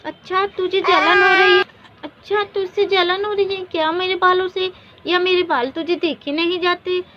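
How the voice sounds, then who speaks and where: A woman's voice: very high-pitched, fairly even intonation, moderate pace, a little hiss or hum. A woman voicing a vain, spiteful younger wife who taunts her rival. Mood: mocking. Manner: mocking, taunting. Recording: dull lo-fi recording.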